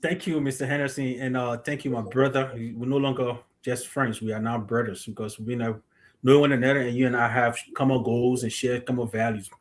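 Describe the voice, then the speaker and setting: A man's voice: medium pitch, steady tone, fairly quick. A man hosting an interview, addressing his guest as a brother and restarting phrases. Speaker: host.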